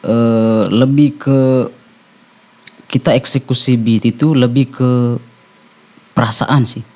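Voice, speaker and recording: Podcast guest: male rapper, halting, restarts a lot, everyday mid voice. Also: medium pitch, fairly even intonation, a little mellow. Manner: halting, searching for words, frequent restarts. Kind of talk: casual chat.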